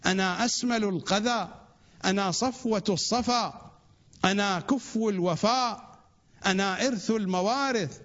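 A man reciting a rhymed sacred text in a steady, chant-like cadence, opening each line the same way and pausing to explain terms. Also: high voice. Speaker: religious reciter. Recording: dull lo-fi recording.

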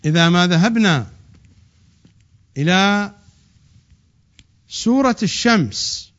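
A man giving a religious lecture, swinging from loud drawn-out emphasis to quick low asides. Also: lively intonation. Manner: rising to emphatic peaks, then dropping low and rushing; draws out key words slowly. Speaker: preacher. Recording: dull lo-fi recording.

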